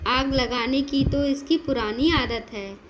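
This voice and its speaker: A woman's voice: high voice, steady tone, takes it slowly, dull audio, slight background noise. A woman voicing a kind, doting older mother-in-law who speaks affectionately and coaxingly in a storybook tale.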